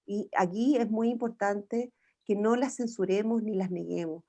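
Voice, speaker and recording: A woman's voice: medium pitch, normal speed, warm tone. A woman, a psychologist giving an online parenting talk over a video call, explaining step by step with frequent rhetorical tag questions. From Chile.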